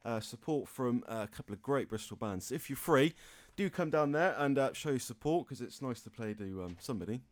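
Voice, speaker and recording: A man's voice: mid-range voice, lively intonation, brisk, hardly any pauses, no echo. A man hosting a local radio show in a studio, rambling and jokey, laughing often. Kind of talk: casual on-air chat and announcements. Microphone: studio microphone.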